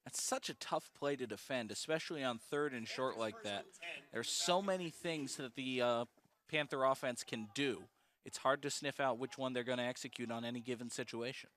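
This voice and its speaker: A man calling live college football play-by-play, brisk and precise about each down and yard line. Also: medium pitch, a bit bright. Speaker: play-by-play announcer.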